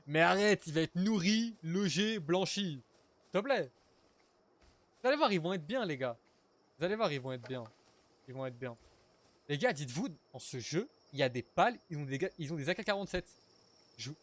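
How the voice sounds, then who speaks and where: Chatty young French gaming streamer. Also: male voice, on the high side. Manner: chatty, talks to chat, casual swearing. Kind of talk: casual live gameplay commentary.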